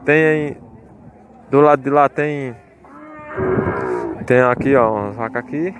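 Speaking slowly in a mid-range voice, with background noise, a man vlogs his tour of a cattle fair. He walks the outdoor pens filming on his phone, chatting casually to viewers and repeating his call-outs, while crowd chatter fills the outdoor market.

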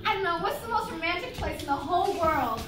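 A teenage girl performing in a class improv scene, high and excitedly overacted. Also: quick pace. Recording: roomy classroom, distant mic, loud noise.

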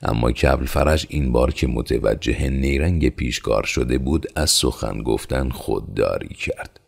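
A man reading a novel aloud as an audiobook narrator, in a steady, measured manner. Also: very deep voice, vocal fry, slightly rough.

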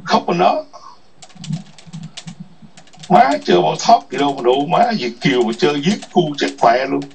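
A man's voice: on the high side, big pitch swings, normal speed, vocal fry, darkish tone, a little hiss or hum. A man ranting in an online chat room, scolding and cursing with repeated taunting questions. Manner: foul-mouthed, scolding, repetitive taunts. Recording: distant muffled lo-fi mic.

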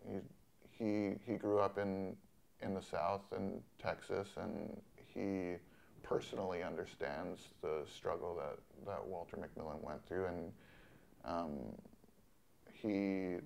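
A man in his forties, a film director, speaking thoughtfully in an interview with many pauses and restarts. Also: deep voice, steady tone, creaky, slight background noise. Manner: soft-spoken, thoughtful, with many ums and restarts. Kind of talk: interview conversation. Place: studio in Los Angeles.

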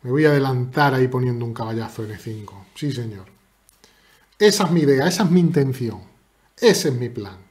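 A man's voice: medium pitch, expressive, brisk, darkish tone. Playful man commentating live chess. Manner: playful and chatty, teasing his opponent and talking to the chat.

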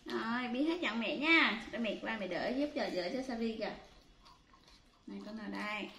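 A young woman talking to her pet monkeys as their mother, coaxing them in gentle baby talk. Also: on the high side, moderate pace, roomy sound, slight background noise.

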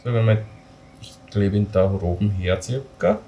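A man with a lowish, mellow voice talks at a moderate pace, casually walking through assembling camping gear step by step as he handles the parts and pokes fun at his own mistakes. It's a hands-on assembly tutorial, and the dull audio has a roomy echo with faint noise.

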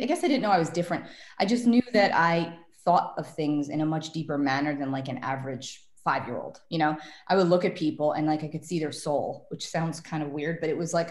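A woman's voice: deep voice, darkish tone. A woman from New York, a guest tarot reader, chatting casually and rambling through stories with lots of "like". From New York, USA. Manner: chatty, rambling storyteller, many "like"s. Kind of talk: casual podcast conversation. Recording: roomy echo.

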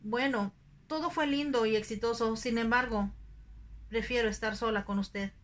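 A woman's voice: a little high, moderate pace, natural voice. A woman reading as a sweet, innocent young lady. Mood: earnest. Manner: sweet, earnest, naive. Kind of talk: soft ASMR audiobook reading.

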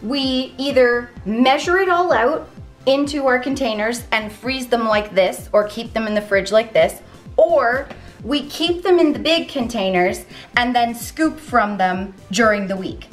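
A woman's voice: on the high side, animated, measured pace, soft background music. A woman in her thirties, from Canada, chatting step by step through a meal prep in her home kitchen. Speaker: vlogger. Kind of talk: casual cooking vlog.

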